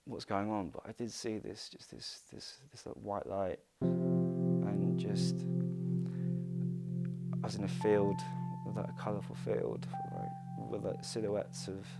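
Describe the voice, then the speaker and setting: A man with a lowish, flat voice tells his story in a documentary interview. He talks haltingly, restarting and searching for words. Instrumental music plays clearly underneath. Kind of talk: documentary interview, personal account. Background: music playing softly.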